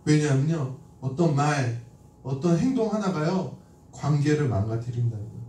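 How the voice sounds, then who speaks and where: A man preaches in a church, telling stories in an easy, conversational way and asking his listeners questions. His voice sits high but sounds mellow. It is heard from a distant mic, with strong room echo. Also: lively intonation, normal speed. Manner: conversational, asks the congregation questions, acts out quoted lines. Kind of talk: sermon with storytelling. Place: church sanctuary. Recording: echoey hall from a distant mic.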